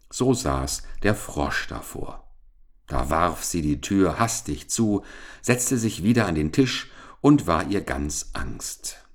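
Deep-voiced man reading a fairy tale slowly. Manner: slow, measured, expressive. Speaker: storyteller.

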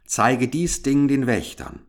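A man's voice: medium pitch, huge pitch swings, slow, vocal fry, pitched above the performer's own voice, heavily acted. A man voicing a kind, courteous young knight speaking graciously to a maid in a fairy tale reading.

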